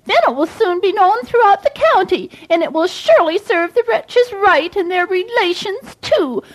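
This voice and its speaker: A woman's voice: very high-pitched, expressive, normal speed, pitched above the performer's own voice, low-quality recording. A woman voicing a prim, self-righteous hen who huffs indignantly, in a storybook reading. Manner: indignant, huffy.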